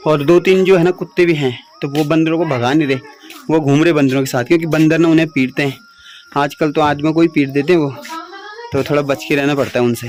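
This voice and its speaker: A young man, rambling casually about home and village life in his vlog. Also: fairly high pitch. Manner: chatty, rambling, laughs at himself. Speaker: vlogger.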